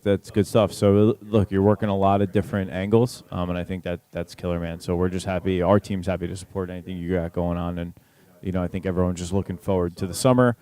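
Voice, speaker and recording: A man's voice: low-pitched, warm tone, clean tone. A young man co-hosting a podcast in casual chat, laid-back and peppering his talk with "like" and "dude". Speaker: podcast co-host.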